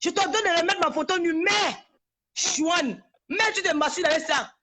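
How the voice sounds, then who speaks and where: A woman, ranting live and trading insults with her critics. Her voice sits high and sounds bright and sharp, and she runs on in a heated, confrontational tone. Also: moderate pace. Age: 40s. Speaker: social media personality. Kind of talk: live-stream rant.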